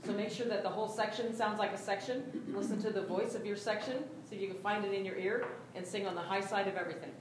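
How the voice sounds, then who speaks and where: A woman choir director gives brisk, instructive notes during a rehearsal. Her voice sits in the middle range and rings out in a very echoey room. A faint hiss lies under the recording. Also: medium pitch, steady tone. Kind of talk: rehearsal coaching.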